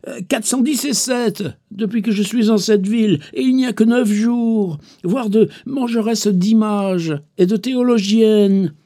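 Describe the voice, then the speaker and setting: A man's voice: sits high, a little slow, warm tone. A man voicing a boastful, bawdy male rogue who brags in a confiding way.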